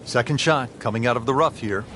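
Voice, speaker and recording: A man playing a smooth golf play-by-play announcer. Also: medium pitch, fairly quick, fairly bright tone, slight background noise, close to an everyday voice. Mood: measured. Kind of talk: golf broadcast commentary.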